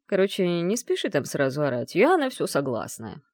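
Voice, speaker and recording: A woman's voice: on the low side, big pitch swings, moderate pace, a little mellow, dry recording, studio quality. A woman voicing a sly, mocking male dragon, cheeky and offhand. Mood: teasing.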